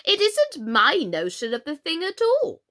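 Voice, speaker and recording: A woman's voice: very high voice, huge pitch swings, a little slow, fairly bright tone, voice pushed up, exaggerated voice. A woman voicing a flustered, helpless, melancholy storybook queen who groans, sighs and speaks emphatically. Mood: huffy. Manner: groaning, sighing, dotty, emphatic delivery.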